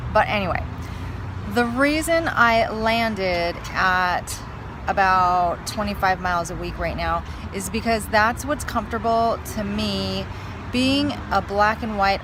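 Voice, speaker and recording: Woman vlogger chatting over clear background noise. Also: medium pitch. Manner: chatty, thinking aloud in long explanations. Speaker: fitness vlogger. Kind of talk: casual vlog monologue to viewers.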